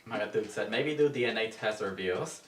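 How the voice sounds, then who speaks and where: A man's voice: fairly low pitch, moderate pace, far from the mic. A man from Mexico reading viewer comments aloud and chatting in a dry, matter-of-fact way. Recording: roomy, off-mic, music behind. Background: faint background music.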